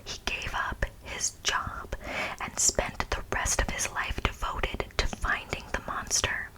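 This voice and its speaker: A woman whispers breathily throughout in ASMR style, partly reading and partly offering casual commentary. She speaks slowly and informally, stressing her points and often repeating phrases for emphasis, on a low-quality recording.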